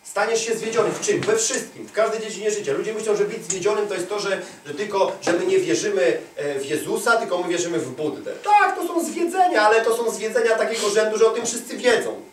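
A man preaching a charismatic sermon, swinging from shouted emphasis to hushed tones and firing rhetorical questions at the listeners. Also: high-pitched, fairly quick, few pauses, recorded from a distance, a little hiss or hum. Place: church hall. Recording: echoey hall, speaker off-mic.

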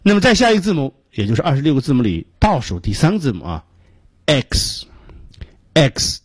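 A man teaching English pronunciation on a radio lesson, explaining patiently step by step and repeating sounds slowly to demonstrate them. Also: mid-range voice, huge pitch swings, darkish tone, breathy edge, no echo.

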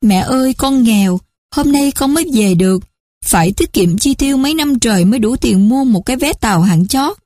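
A woman's voice: medium pitch, lively intonation, moderate pace, warm tone, breathy edge, dry recording, studio quality. A woman voicing a middle-aged man who pretends to be poor, sly in his thoughts and whining when he pleads. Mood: plaintive.

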